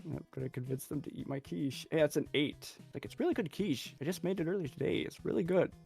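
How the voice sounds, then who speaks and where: A man's voice: fairly high pitch, quick pace, creaky, warm tone, faint music behind. A man playing a tabletop role-playing game over voice chat, chatty and playful with frequent fillers. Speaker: player.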